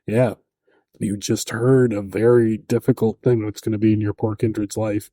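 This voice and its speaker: Rambling male co-host with a mellow voice. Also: on the low side, level tone, no room sound, studio quality. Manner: rambling, halting, many restarts. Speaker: podcast co-host. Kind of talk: casual podcast chat.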